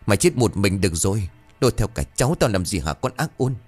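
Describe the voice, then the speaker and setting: A man's voice: lowish voice, sing-song, fast talker, darkish tone, faint music behind. A man voicing a bitter old rich grandmother in a ghost story, wailing and scolding harshly.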